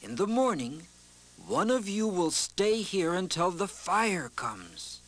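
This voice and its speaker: A man's voice: sits high, sing-song, slow, fairly bright tone, heavily acted. A man doing a wise old coyote counselor. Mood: reassuring. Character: wise male coyote, calm counselor of people.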